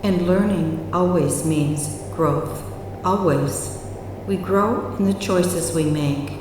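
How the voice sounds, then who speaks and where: A woman narrating a guided relaxation meditation in a soothing, measured way with long pauses, recorded with heavy reverb. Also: lowish voice, noisy background. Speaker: hypnotherapy guide. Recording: very echoey, long reverb, distant. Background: music.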